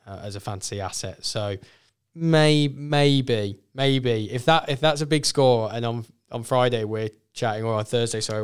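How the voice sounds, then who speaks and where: A man's voice: on the low side, clean tone. A man chatting casually as a podcast guest, thinking aloud and correcting himself as he goes. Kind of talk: casual fantasy football chat.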